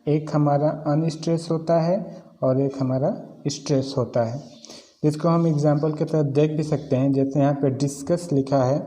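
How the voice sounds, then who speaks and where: A man teaching English poetry in Hindi, reading English definitions slowly with an Indian accent and then explaining them. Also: a little high, mellow, big-room sound, low-quality recording.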